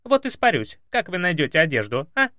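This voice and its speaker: A man voicing a loud, coarse, quarrelsome female housemaid who shouts in blunt, crude slang. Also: sing-song, a little fast, dry recording, studio quality. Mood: shrill, quarrelsome. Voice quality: shrill, shouting. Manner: blunt, crude colloquial speech.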